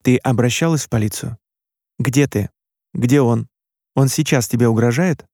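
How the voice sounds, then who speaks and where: A man's voice: mid-range voice, moderate pace, darkish tone, no echo, studio quality, close to an everyday voice. A man voicing an anxious eighteen-year-old son firing off urgent questions.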